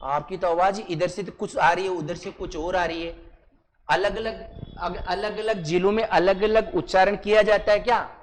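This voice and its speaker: A male teacher from Rajasthan leading a live coaching class. He drills his students with repeated questions and spells out sounds slowly, one syllable at a time. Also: sits high, fairly even intonation, a little hiss or hum. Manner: exaggerated slow syllable-by-syllable pronunciation. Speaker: Hindi teacher.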